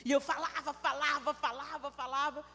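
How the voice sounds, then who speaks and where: Brazilian woman, high pitch, emotional sermon, large church hall, long reverb. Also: fairly even intonation, normal speed, bright, forceful tone. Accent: Brazilian Portuguese. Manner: emotional storytelling, rising to tearful outbursts. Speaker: preacher. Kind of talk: live sermon.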